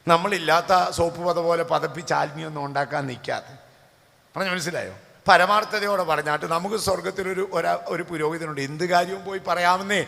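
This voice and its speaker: A man preaches a Pentecostal sermon in a high, bright voice with a gravelly edge. He tells homely stories and then lifts into shouted calls to the congregation. The long reverb of a church hall rings behind him. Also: quick pace. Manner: storytelling, swings to shouted calls for hallelujah. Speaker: pastor.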